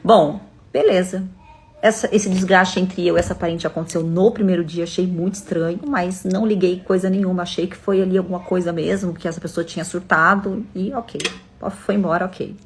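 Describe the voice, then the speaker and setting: A woman's voice: fairly low pitch, fairly even intonation, brisk. A middle-aged Brazilian woman telling a personal story to her viewers in a chatty, direct way. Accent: Brazilian Portuguese. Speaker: storyteller vlogger. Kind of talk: casual storytelling to camera.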